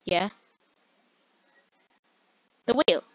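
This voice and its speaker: A young woman giving rambling, exasperated commentary on a slow-loading online game while chatting with a friend. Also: fairly bright tone, no echo. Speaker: gamer. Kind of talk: casual gameplay commentary. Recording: dull lo-fi dry recording.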